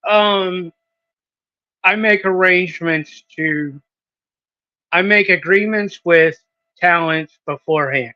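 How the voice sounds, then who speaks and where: Guy in his 30s, promoter, lots of ums, bright tense voice, dry lo-fi sound. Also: sits high, slow pace, long pauses, dry recording. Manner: hesitant, many ums and restarts. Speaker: wrestling promoter. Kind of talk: casual podcast interview.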